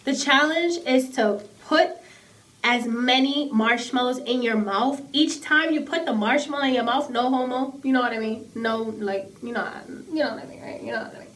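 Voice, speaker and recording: A woman in her twenties from the Bronx, New York, hosts a vlog, chatting and joking animatedly to camera in a rather high voice at a moderate pace and often repeating phrases. She's in a small room at home with the camera a little way off, so the recording sounds slightly noisy and distant.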